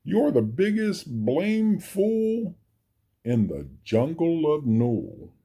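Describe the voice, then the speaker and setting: A man's voice: a little high, sing-song, drawn-out words, dark tone, husky, voice pushed up, heavily acted. A man voicing a sour, scornful female kangaroo from a storybook, dismissive and mocking.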